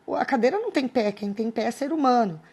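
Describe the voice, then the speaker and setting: A woman's voice: fairly high pitch, animated, fast, darkish tone, breathy edge. A woman teacher with a Brazilian Portuguese accent, giving a recorded lesson to her students and checking in with frequent tag questions.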